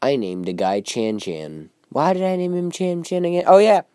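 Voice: mid-range voice, moderate pace, dark tone, clear, resonant tone, dry recording. Young rambling vlogger, dry close mic. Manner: absurdist, self-interrupting, trails off. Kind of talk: rambling solo monologue.

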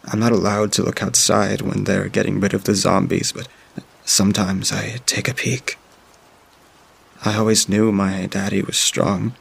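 In an exaggerated voice, a male storyteller performs a frightened child's diary entries, speaking low, husky and gravelly. The reading stays flat and subdued, with little rise or fall, and is halting, full of fillers and restarted sentences.

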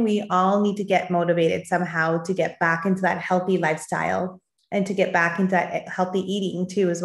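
Casting: female interview host, encouraging and motivational, average pitch, recorded with audible room echo. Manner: encouraging, addresses listeners as fellow moms. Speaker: show host. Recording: roomy, echoing sound.

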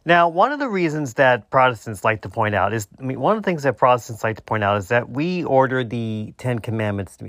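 A man hosting a solo debunking podcast, explaining his points haltingly and often rewording himself mid-sentence. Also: medium pitch, dry recording, clean studio sound. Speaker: podcast host.

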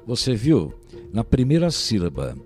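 A man's voice: medium pitch, wildly swooping pitch, unhurried, darkish tone, soft background music. A man with a Brazilian Portuguese accent giving a recorded language lesson, explaining patiently and often checking in with the listener. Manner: patient, explanatory, keeps asking "né?". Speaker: language teacher.

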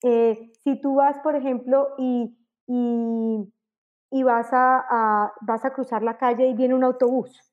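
A woman explaining personality types in a conversational interview, animated and acting out examples. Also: on the high side, slow, narrow, tinny audio. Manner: animated, acts out examples with exclamations. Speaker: enneagram guest expert.

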